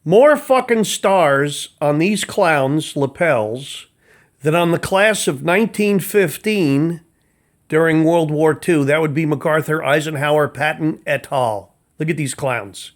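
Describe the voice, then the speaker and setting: A man's voice: fairly high pitch, slow pace. A man from the United States delivering an angry, profane, mocking rant as a commentator, sarcastic throughout.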